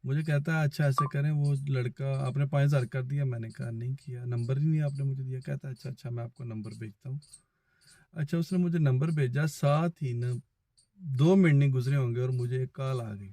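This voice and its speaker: This vlogger, a man with a Pakistani accent, speaks a little fast in a mellow, medium-pitched voice with fairly even intonation. He casually relates a personal story, performing both sides of phone calls he remembers. The recording is dry.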